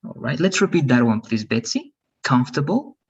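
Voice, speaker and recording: A man's voice: medium pitch, big pitch swings, normal speed, husky, distant mic, dull audio. A man teaching an English pronunciation lesson, patient and encouraging, mixing Spanish explanations with English examples.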